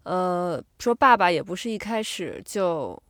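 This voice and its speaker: A woman's voice: on the low side, expressive, a little slow, fairly bright tone, no echo, clean studio sound. Candid middle-aged woman chatting. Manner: candid, plain-spoken. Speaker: podcast co-host. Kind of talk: casual chat.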